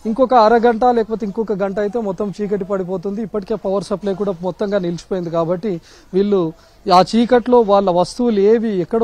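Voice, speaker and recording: A man with a high, darkish voice reports live and urgently from a flooded neighborhood outdoors, speaking rapidly and emphatically as a field reporter. The recording is dry.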